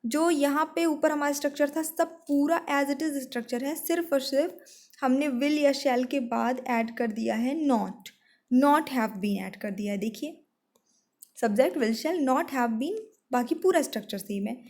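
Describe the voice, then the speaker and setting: A woman teaching an online English grammar lesson for exam preparation. She explains step by step and slows down to spell out each English example sentence. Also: high voice, darkish tone.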